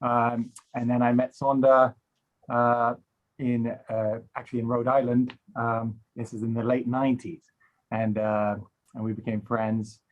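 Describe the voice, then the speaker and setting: A man's voice: medium pitch, flat delivery, measured pace. A middle-aged man from Denmark, a film composer, introducing himself hesitantly with many fillers over a video call. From Denmark, raised across Europe. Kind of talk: casual video-call chat. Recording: dull lo-fi call audio.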